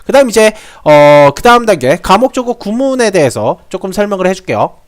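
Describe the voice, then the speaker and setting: A man's voice: high-pitched, sing-song, a little fast. A young man who teaches English grammar to students, talking in a chatty way, repeating phrases and asking rhetorical questions. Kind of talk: explanatory grammar lesson.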